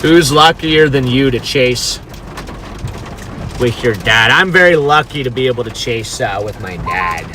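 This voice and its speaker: A man streaming live as a storm chaser talks informally to his chat from inside a car while keeping an eye on the storm. His mid-range voice is expressive, bright and forceful, a little slow. The recording is noisy, with car sounds and outdoor ambience.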